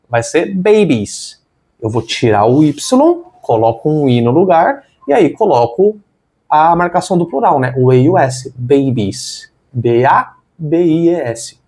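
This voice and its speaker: A man's voice: fairly high pitch, darkish tone, slightly rough. A man, an English teacher explaining spelling rules step by step and spelling words out letter by letter. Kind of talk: online language lesson.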